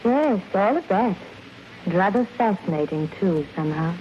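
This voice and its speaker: An actress playing a spirited young stage performer in an old radio thriller, pert, curious and polite. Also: female voice, medium pitch, lively intonation, moderate pace, very noisy, lightly acted. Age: young adult. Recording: muffled vintage radio recording with music.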